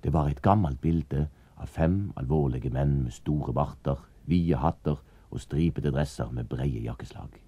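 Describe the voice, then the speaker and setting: A man reading a children's story aloud as narrator, with lively storytelling. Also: extremely low pitch, hardly any pauses, breathy edge, no room sound. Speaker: audiobook narrator.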